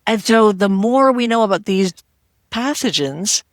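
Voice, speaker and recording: Woman host, healthcare worker, earnest, conversational, mid-pitched, dry close recording. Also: lively intonation, measured pace, no room sound. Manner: earnest, repetitive "we want to" phrasing, acts out quotes. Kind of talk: conversational interview.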